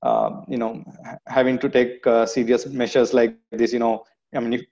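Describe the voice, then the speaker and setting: A man with a Sri Lankan English accent, an analyst on a video call panel, speaking in a measured way with many fillers. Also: medium pitch, little pitch movement, vocal fry, a little mellow. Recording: muffled video call audio.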